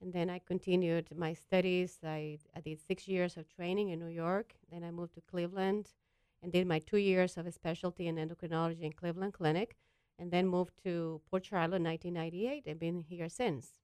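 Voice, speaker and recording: A woman from the Dominican Republic with a smooth, resonant and somewhat low voice. She explains medical ideas patiently and plainly, one step at a time, as a guest doctor. The sound is dry and close. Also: steady tone, brisk, darkish tone, no echo. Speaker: endocrinologist guest. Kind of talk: explanatory talk-show interview.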